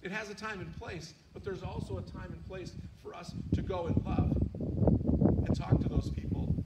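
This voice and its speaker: A Midwestern pastor with a fairly high voice preaches in an easy, chatty way and keeps asking his congregation questions. He sounds distant from the mic in echoey outdoor sound. Loud noise and passing traffic run underneath. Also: steady tone, moderate pace. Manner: plain-spoken, asks listeners questions, frequent ums. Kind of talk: casual conversational sermon. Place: outdoor church courtyard service.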